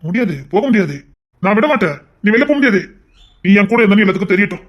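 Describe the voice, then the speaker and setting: A man voicing a possessive, lovesick young husband in an audio romance drama, talking in an insistent, commanding way that turns low and tender. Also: animated, rapid-fire, muffled recording.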